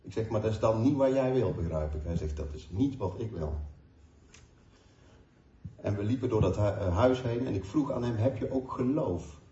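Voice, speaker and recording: A man's voice: on the low side, moderate pace, mellow. A man in his forties preaching a sermon, earnest, retelling conversations with frequent hesitations. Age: 40s. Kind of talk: sermon with personal stories. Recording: distant, dull, echoey room.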